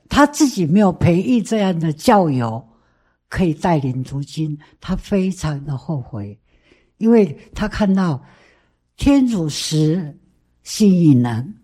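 A woman's voice: sits low, mellow, husky. A woman informally hosting a sharing session and giving a testimony.

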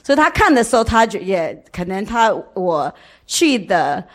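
A woman's voice: medium pitch, very animated, normal speed, a bit bright. A woman with a foreign accent telling a personal story informally in non-native Mandarin, searching for words and mixing in English. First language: not a native Mandarin speaker. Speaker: speaker giving a testimony.

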